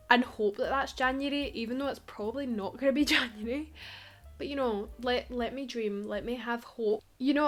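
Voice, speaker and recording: Chatty Scottish woman, slightly high voice. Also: fairly bright tone. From Scotland. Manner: chatty, rambling, laughs often. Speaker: Sims YouTuber. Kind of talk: casual gameplay commentary.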